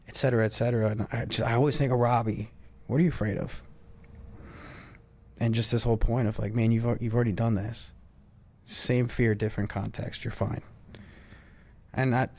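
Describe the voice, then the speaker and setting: A young man with a mid-pitched voice talks as an interview guest, telling a personal story in a casual way. He acts out remembered dialogue and lowers his voice when he turns reflective. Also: darkish tone. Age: young adult. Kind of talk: conversational storytelling.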